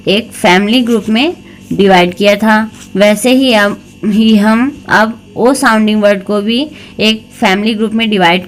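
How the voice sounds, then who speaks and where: A woman teacher reading word families to children, spelling each word and then saying it. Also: medium pitch.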